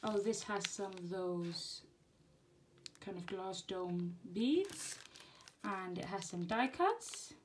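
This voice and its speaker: A woman's voice: mid-range voice, expressive, takes it slowly. Casual crafting vlogger, woman, rambling and self-correcting, noisy room with handling clicks. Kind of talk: casual chat while packing a gift box. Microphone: camera on tripod. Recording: clear background noise and handling clicks.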